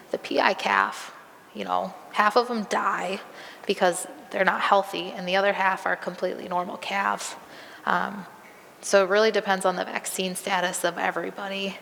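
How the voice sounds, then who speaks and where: A woman veterinarian takes audience questions in a large hall. Her voice has a gravelly, fry-filled edge, and she sounds a little strained, as if she is losing it. The sound carries a long reverb with a faint hiss of room noise. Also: mid-range voice, fairly bright tone. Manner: conversational, many um fillers, practical. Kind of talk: live Q&A at a presentation.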